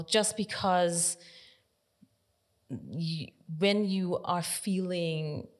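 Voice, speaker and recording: Soft-spoken woman, reflective podcast guest. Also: lowish voice. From Denmark. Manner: thoughtful, hesitant with many pauses and fillers. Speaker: podcast guest, nonprofit library director. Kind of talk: reflective interview conversation.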